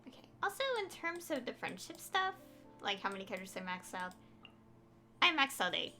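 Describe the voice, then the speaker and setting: A game streamer rambles casually while playing, thinking aloud in a sing-song, brisk, pushed and bright voice of medium pitch. Video game music plays behind her.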